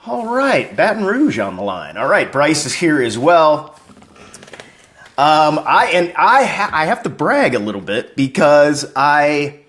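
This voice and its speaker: A man's voice: fairly high pitch, sing-song, a little slow, fairly bright tone. A man hosting a live fan stream, greeting viewers by name and chatting casually about football news.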